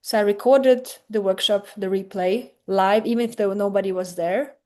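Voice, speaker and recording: A woman's voice: mid-range voice, steady tone, moderate pace, darkish tone. A woman business coach leading a live online workshop and answering participants' questions, talking to them directly with energy and enthusiasm.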